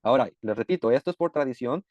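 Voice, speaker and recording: A man teaching a sermon-style Bible lesson, explaining patiently frequent "eh" pauses. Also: mid-range voice, lively intonation, a little mellow, no room sound, lo-fi sound.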